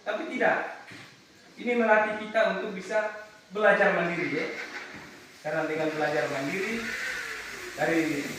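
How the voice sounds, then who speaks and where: A man teaching a class of pupils, asking questions and repeating himself with many restarts and "ya" tags. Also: a little high. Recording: echoey, from far off, noisy.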